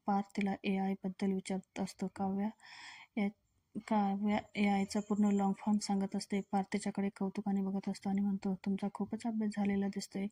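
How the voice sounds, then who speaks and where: A woman's voice: medium pitch, monotone, brisk, mellow, no room sound. A woman narrating a recap of a television serial in a matter-of-fact storytelling manner, close to the mic.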